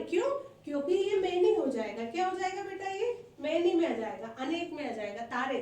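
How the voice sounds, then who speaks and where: A woman teaches a class of small children in a patient, questioning way and repeats the key answers. Her voice sits high, and it sounds a little distant in a room with some echo. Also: a little mellow, a little hiss or hum. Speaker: primary school teacher. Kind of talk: classroom lesson for young children.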